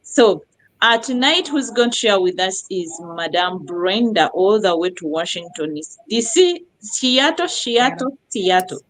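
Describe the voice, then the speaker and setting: A middle-aged woman from Uganda hosting a live online talk show, lively and effusive, repeating words for emphasis. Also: medium pitch, measured pace, rough recording. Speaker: host.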